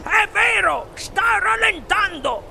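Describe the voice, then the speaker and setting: An excitable old grandfather with a rough, gravelly voice pushed up high. He calls out in alarm, slow and cracking, as in a storybook reading over a noisy background. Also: heavily acted.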